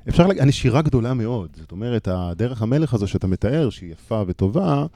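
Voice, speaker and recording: A man in his thirties, a panel guest, speaking thoughtfully and telling parables with pauses into a handheld microphone. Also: mid-range voice, big pitch swings, warm tone, dry recording. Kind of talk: reflective panel discussion.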